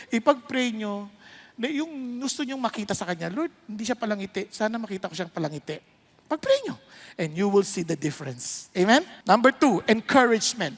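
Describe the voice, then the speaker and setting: A woman with a Filipino accent preaching a sermon to a congregation. She mixes English into her talk and keeps checking in with the listeners through quick questions. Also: medium pitch, long reverb tail.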